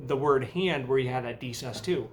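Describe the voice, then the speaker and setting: A man's voice: medium pitch, moderate pace. A man giving a casual guitar lesson, counting beats and chanting a word for each strum pattern. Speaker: guitar teacher. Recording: guitar playing underneath.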